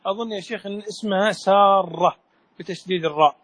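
A man with a high voice teaches a religious lesson, stopping the reader to correct his pronunciation and explain. He often restarts his words before getting them out. The sound is dry and close. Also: a little fast, dry recording.

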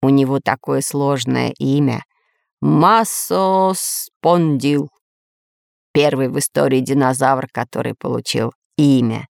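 A woman voicing a kindly male scientist in a storybook reading, explaining slowly. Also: rumbling low, creaky, darkish tone, no room sound, clean studio sound, heavily acted. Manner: slow, explaining.

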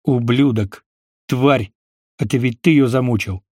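A man's voice: mid-range voice, unhurried, warm tone, no echo, studio quality, close to an everyday voice. A man voicing a worn-out young male hero who sounds weary and snaps back in an audiobook. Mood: weary angry. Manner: weary, snapping.

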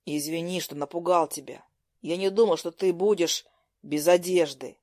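A woman voicing a cocky, teasing teenage boy who talks low and sly. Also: moderate pace, darkish tone, no room sound, studio quality, close to an everyday voice. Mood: sly, defensive.

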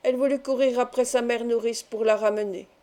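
A woman reading a folk tale aloud in an even, measured storybook narration. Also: fairly high pitch. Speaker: audiobook reader.

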